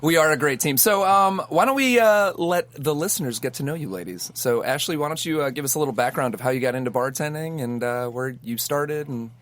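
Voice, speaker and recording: A man's voice: fairly high pitch, brisk, few pauses, fairly bright tone, dry recording. A man co-hosting a podcast in casual, effusive, joking talk. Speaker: podcast co-host, bartender. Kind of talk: casual chat.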